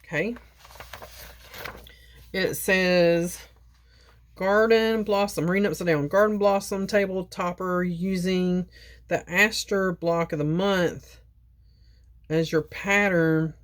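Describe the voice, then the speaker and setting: A woman's voice: on the low side, steady tone, slow, pauses often. A woman vlogger chatting casually through an unboxing, talking to her viewers, repeating herself and sipping coffee as she goes. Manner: sips coffee while talking. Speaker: crafting vlogger.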